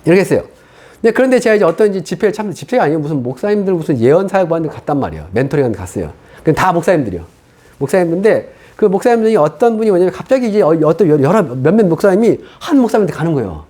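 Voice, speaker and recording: Fast, lively Korean pastor preaching. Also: male voice, a little high. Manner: animated storytelling, acting out his own past words. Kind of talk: sermon testimony.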